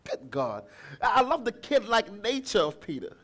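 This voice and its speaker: A man preaching a sermon as pastor, telling a family story and acting out the people in it, with bursts of shouting. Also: sits high, moderate pace. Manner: animated, acts out voices, shouts encouragement.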